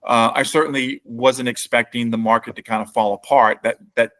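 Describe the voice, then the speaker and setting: This CEO, a middle-aged man from New Orleans, chats through a casual interview as a relaxed storyteller. Unhurried and easygoing with a mid-range pitch, he often pauses, uses fillers, and begins his thoughts again.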